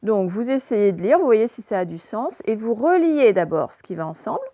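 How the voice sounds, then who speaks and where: A woman teacher giving a recorded reading and spelling lesson to young children, speaking slowly and patiently and sounding out syllables and letters. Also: mid-range voice, sing-song, mellow, no room sound. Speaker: primary school teacher.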